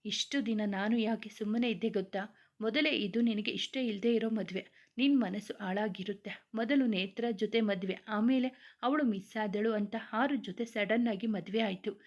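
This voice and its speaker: A woman's voice: medium pitch, normal speed, lo-fi sound, natural voice. A woman reading the lines of a young man who teases and scolds his best friend, in a storybook tale.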